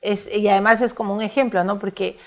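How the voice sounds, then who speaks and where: Peruvian woman interviewer; sympathetic, prompting, mid pitch. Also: fairly even intonation, quick pace. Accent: Peruvian Spanish. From Peru. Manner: sympathetic, prompting, finishing the guest's sentences. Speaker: TV interview host.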